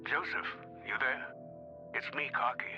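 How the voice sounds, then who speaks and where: A worried caller on a muffled answering machine. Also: male voice, mid-range voice, fairly even intonation, measured pace, music in the background. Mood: urgent. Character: worried man reaching out to an old friend. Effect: answering machine message over a landline phone.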